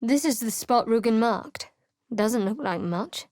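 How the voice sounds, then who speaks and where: In a close-miked studio video game session with no room sound, a woman voices a guarded young cleric. Her voice is on the high side, expressive, unhurried and a little mellow, carrying dry, cutting, sardonic sarcasm.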